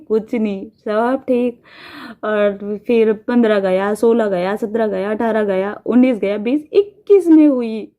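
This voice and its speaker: Woman vlogger from India, 30s, mellow tone, rambling and chatty, laughs a lot. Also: mid-range voice. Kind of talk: casual storytelling.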